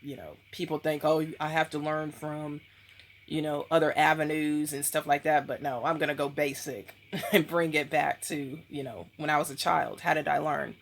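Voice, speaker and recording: A woman in her thirties vlogs casually on camera at home, reviewing books and rambling with plenty of ums and likes. Her voice is deep and gravelly, with a steady tone at a normal pace.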